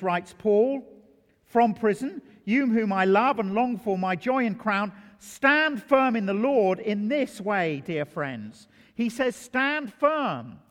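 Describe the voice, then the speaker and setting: Delivering a church sermon, this man tells stories and drives home important phrases emphatically. His voice sits high with a slightly bright tone, and the recording carries a long hall reverb.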